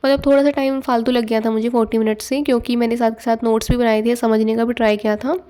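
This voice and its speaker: Young female vlogger, casual chatty narration, fairly high voice with a warm mellow timbre. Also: flat delivery, quick pace. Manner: chatty, loose Hindi-English mix with fillers. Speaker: exam aspirant vlogger. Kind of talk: casual study vlog narration. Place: at home.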